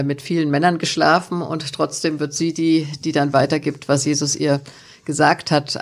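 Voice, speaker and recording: A woman talking earnestly as an interview guest, telling stories with frequent fillers. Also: low voice. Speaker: guest, author of children's Bible stories. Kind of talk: conversational interview.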